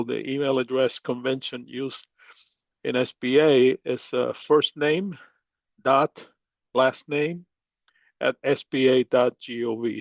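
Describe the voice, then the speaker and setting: A man giving a webinar presentation about business loans in a halting, formal way, his audio breaking up over a bad internet connection on a video call. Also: mid-range voice, gravelly, no room sound, lo-fi sound. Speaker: government loan presenter.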